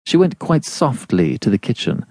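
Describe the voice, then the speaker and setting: Expressive male audiobook narrator. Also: normal speed, husky, no echo. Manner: expressive, shaping each phrase with varied pitch. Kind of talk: scripted narration of a classic novel.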